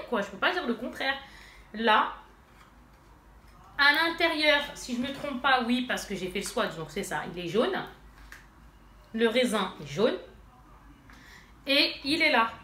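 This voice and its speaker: A chatty woman vlogger talks straight to her viewers, with a stuffy nose and plenty of fillers. Her voice sits a little high. The room is echoey, with faint noise behind her. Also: very animated, measured pace, pauses often, sharp tone. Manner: chatty, addresses viewers directly, many fillers. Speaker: beauty vlogger. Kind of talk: casual haul and swatch demo.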